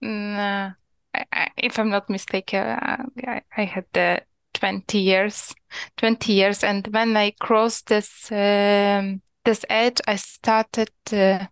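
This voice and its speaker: A woman's voice: mid-range voice, little pitch movement, slow pace, clean tone, no room sound. A young woman from Ukraine with a Ukrainian accent, a guest on an interview who speaks English hesitantly, searching for words with many fillers. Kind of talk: conversational interview.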